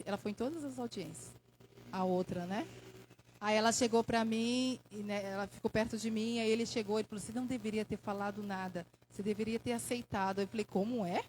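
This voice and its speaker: A woman's voice: a little high, darkish tone, slight background noise, poor audio. A Brazilian woman giving an emotional testimony in church, preaching with fervor and calling for amens. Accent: Brazilian Portuguese. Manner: impassioned, preaching with call-and-response "amém".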